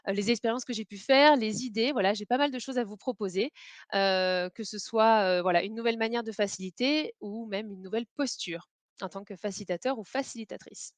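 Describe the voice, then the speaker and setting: A woman presenting a webinar on facilitation in a conversational, hesitant way, often pausing on filler sounds. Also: on the high side, no echo.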